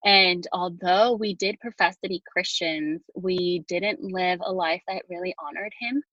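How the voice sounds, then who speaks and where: A Venezuelan woman in her thirties, appearing as a podcast guest, tells her personal story in a chatty, casual way full of fillers and restarts. Her voice is on the low side and a bit bright, steady and a little slow, and the audio is dull with no echo.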